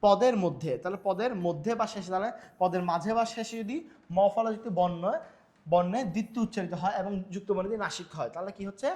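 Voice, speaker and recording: A young man with a high, darkish voice gives an exam-prep grammar lecture over slides. He's repetitive, restating each rule and quizzing himself with rhetorical questions.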